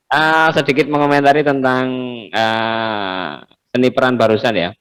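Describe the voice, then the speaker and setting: A man's voice: mid-range voice, steady tone, unhurried, fairly bright tone, smooth. A man moderating an online community meeting, chatty and a bit hesitant, commenting before handing over to guests. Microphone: video call.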